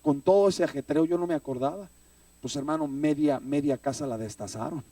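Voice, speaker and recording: A man's voice: on the high side, a little fast, dark tone, no room sound. A man preaching a sermon, telling his own story emotionally and often calling out "brother". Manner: emotional storytelling, repeatedly addressing "hermano". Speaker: preacher giving testimony. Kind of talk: sermon testimony. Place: church, recorded live. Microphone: phone stream from a distance. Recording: distant phone livestream of a church.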